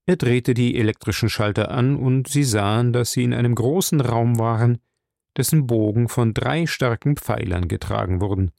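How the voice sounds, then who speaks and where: A male audiobook narrator tells the story at a measured, steady pace. His voice has a gravelly, creaky texture. It is recorded close and dry, with no room sound. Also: medium pitch, dry recording. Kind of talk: scripted narration.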